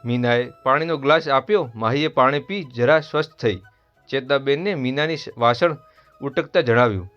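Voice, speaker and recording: A man with a Gujarati accent narrating a family story in a steady, earnest scripted read. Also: medium pitch, normal speed. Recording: dull lo-fi voice over soft music.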